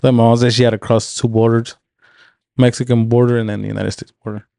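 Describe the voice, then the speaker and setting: A man's voice: mid-range voice, little pitch movement, fast, creaky, dark tone, clear, resonant tone, no echo, studio quality. A laid-back young man from Long Beach, co-hosting a casual podcast and cracking wisecracks. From Long Beach, California. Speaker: podcast co-host.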